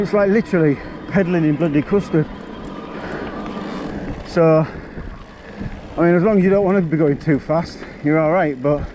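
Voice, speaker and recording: A man's voice: a little high, dark tone, a little hiss or hum. Breathless man riding a trail. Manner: chatty, blunt, slangy. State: a bit out of breath. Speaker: mountain biking vlogger. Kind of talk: riding commentary to camera. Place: outdoors on a forest trail.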